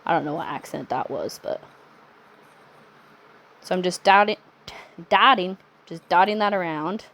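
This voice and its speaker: A young adult woman talking through a nail art tutorial in a chatty, relaxed way, with self-correcting asides. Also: fairly low pitch, measured pace, long pauses, a little hiss or hum. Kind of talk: casual step-by-step tutorial narration.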